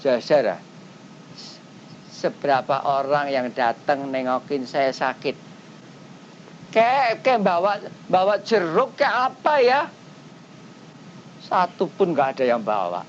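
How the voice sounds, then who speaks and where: A woman preaching a sermon in plain everyday talk, often turning straight to her listeners and swinging between loud high exclamations and quiet low asides. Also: big pitch swings, takes it slowly, pauses often. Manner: speaks in plain everyday phrasing, often addressing listeners directly. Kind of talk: colloquial sermon to a congregation. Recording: dull lo-fi cassette with faint rumble.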